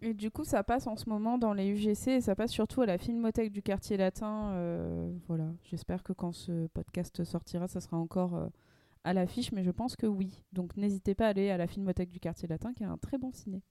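A woman's voice: mid-range voice, fairly even intonation, a little fast, mellow, no echo. A young woman co-hosting a casual podcast chat, rambling with many fillers and restarts. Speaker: podcast co-host.

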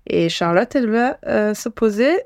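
A woman's voice: mid-range voice, animated, darkish tone, no room sound. Playful woman podcast co-host, dry sound. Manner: playful, quick with quips and reactions. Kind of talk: casual podcast chat.

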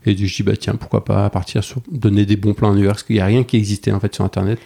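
A man in his forties talks quickly as a podcast guest, in a low, dark voice. He chats loosely, circling back and restarting his sentences with plenty of fillers. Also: flat delivery, vocal fry. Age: 40s. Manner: chatty, with many restarts and fillers. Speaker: travel blogger and tour agency owner, podcast guest. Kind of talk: casual conversational interview.

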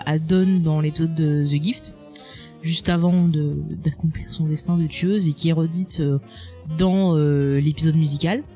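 A woman guest in a casual conversation, chatty and expressive, laughing often and swearing casually. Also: fairly low pitch.

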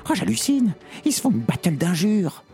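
A man voicing a cheeky, talkative young sidekick in a storybook, excitable and indignant. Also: high-pitched, normal speed, gravelly, soft background music, pitched above the performer's own voice, full character voice.

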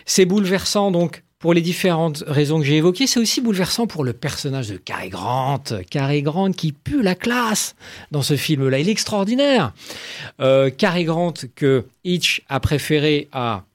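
A man giving enthusiastic film commentary, animated and full of exclamations and quick asides. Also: a little high.

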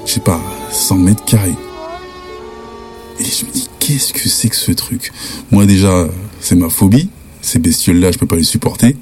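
A young man from France telling a spooky personal anecdote in lively, slangy casual speech. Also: sits low. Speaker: storyteller.

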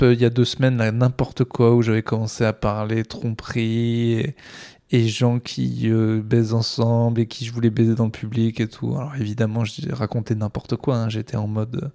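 A man's voice: mid-range voice, vocal fry, warm tone. A man, a stand-up comedian, talking alone on his podcast in a rambling, sardonic way with many fillers. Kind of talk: casual solo podcast monologue.

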